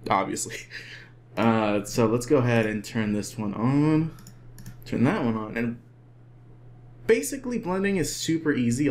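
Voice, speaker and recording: A man giving a casual photo editing tutorial, chatting and joking to himself as he works through the steps. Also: medium pitch. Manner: relaxed, chatty, jokes to himself while working. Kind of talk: casual screen-recorded tutorial.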